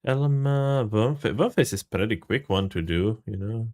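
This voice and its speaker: A man talks his way through a live game stream, greeting and thanking viewers between moves. His voice sits low yet moves a lot, rising and falling freely. The tone stays casual, loose and sprinkled with swearing. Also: expressive, normal speed, darkish tone. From Serbia.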